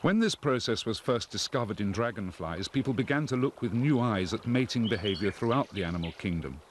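Low-voiced man narrating a nature documentary. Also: animated, a little hiss or hum. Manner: measured, explanatory delivery.

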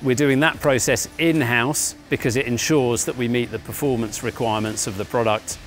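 A man, a company founder walking viewers through his offices and factory, explaining things in a measured way with frequent "uh" fillers. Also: mid-range voice, fairly even intonation, fairly bright tone. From England. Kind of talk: guided walking tour presentation. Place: large indoor offices and factory floor. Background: faint music.

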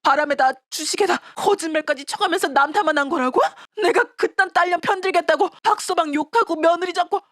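A woman's voice: very high voice, a little fast, hardly any pauses, no echo, studio quality. Woman playing a scolding older mother-in-law. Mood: accusing. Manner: harsh, scolding, stammers when shocked. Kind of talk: dramatized story voice acting.

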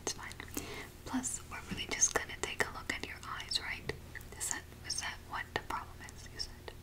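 A woman in a whispered role-play as an easygoing eye doctor, murmuring softly to a patient and pausing for replies. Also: close to an everyday voice. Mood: casual, chatty. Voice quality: soft, breathy, unvoiced whisper. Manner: halting, murmured one-sided conversation with pauses for replies. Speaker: ASMR performer. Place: small home office, indoors. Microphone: large microphone close beside her.

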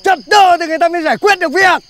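A man's voice: extremely high pitch, rapid-fire, sharp tone. An actor playing a brusque, impatient older village man who commands everyone around him in a slapstick comedy film. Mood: bossy. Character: bossy older village man barking orders.

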